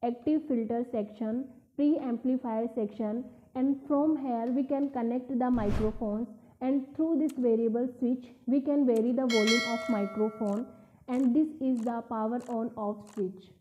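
With a fairly high, steady, mellow voice that's a little slow, a twenty-something product demonstrator with an Indian accent presents a plain step-by-step demo. The audio has its highs cut off and a little hiss or hum, echoing through an indoor office showroom with shelves.

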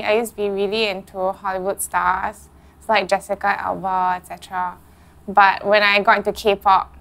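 A young woman answering interview questions candidly and conversationally. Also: medium pitch. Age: young adult. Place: studio set with photo wall.

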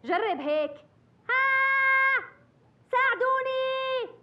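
A woman's voice: very high voice, animated, fairly quick, muffled recording. A woman voicing a bossy, teasing cartoon mother in a Levantine Arabic accent.

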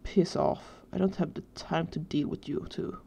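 A woman voicing a cold, threatening teenage boy who hisses and growls his warnings, in a dark, low voice on a dull recording. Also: huge pitch swings, normal speed, gravelly, husky, full character voice. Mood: weary firm.

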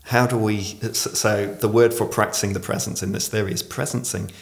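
A man's voice: on the low side, fairly even intonation, a little fast, vocal fry. A man in his forties who pronounces r as w, explaining reflectively in conversation as a podcast guest. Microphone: podcast microphone on desk stand.

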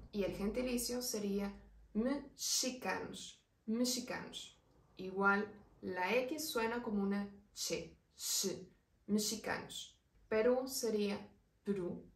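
A woman teaching an online language lesson, explaining patiently and slowing right down to spell out each example word. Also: fairly high pitch, far from the mic. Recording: roomy echo, voice away from the mic.

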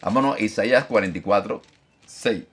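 A man teaching a Bible study as pastor, animated, often repeating phrases and checking in with his listeners. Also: normal speed, a little hiss or hum. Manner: lively, animated teacher who mimics critics in a high mocking voice. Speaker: pastor teaching a discipleship class.

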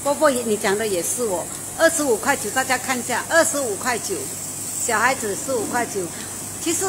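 A middle-aged Malaysian woman with a bubbly manner and a fairly high voice hosts a casual food show, reviewing a restaurant from inside it. She's enthusiastic, exclaiming often and using plenty of fillers, and the handheld phone camera clearly picks up the noisy room around her.

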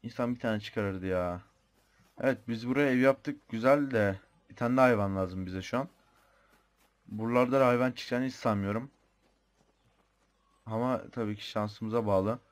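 A man's voice: medium pitch, normal speed, pauses often. A young man with a Turkish accent giving casual commentary on his own gameplay, chatty and thinking aloud, muttering the odd mild swear. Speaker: gamer.

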